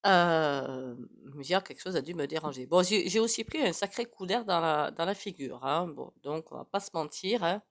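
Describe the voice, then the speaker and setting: A woman, talking with a blocked nose from a cold. Her voice sits a little low, and she chats casually and rambles, often stopping to clear her throat. She sounds like a host talking straight to her viewers. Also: lively intonation, moderate pace. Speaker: tarot reader and channel host.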